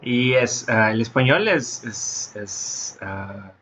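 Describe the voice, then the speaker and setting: A man's voice: mid-range voice, animated, takes it slowly, fairly bright tone, a little hiss or hum. A man hosting a casual conversation, hesitant, searching for words with many restarts. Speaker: host.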